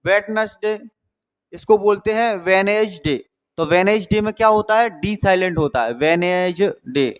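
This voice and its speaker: A man's voice: high-pitched, fairly quick, few pauses, smooth. A man from India teaching a lesson, explaining step by step and asking and answering his own questions. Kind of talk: classroom lesson.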